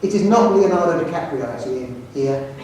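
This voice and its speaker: A man with a London accent, a headteacher giving a jokey, animated talk to an audience. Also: fairly high pitch, fairly quick, crowd noise. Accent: London English. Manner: jokey storyteller, animated, self-mocking. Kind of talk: anecdotal presentation to an audience. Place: large hall with audience. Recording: echoey hall, speaker far from mic.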